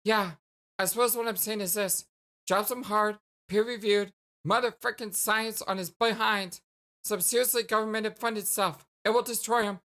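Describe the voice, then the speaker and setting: A woman's voice: mid-range voice, fairly even intonation, normal speed, fairly bright tone, natural voice. A woman voicing a witty, haughty girl in a game, speaking in dry, pompous, elaborate sentences. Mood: smug. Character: witty, haughty, sardonic girl with an analytical streak.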